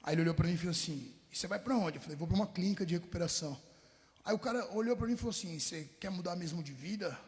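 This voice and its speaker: High-voiced São man, slangy testimony. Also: rapid-fire, darkish tone, in a large hall. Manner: street slang, acts out past dialogues, chokes up at times. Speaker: rapper guest telling his testimony. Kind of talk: emotional personal testimony in an interview.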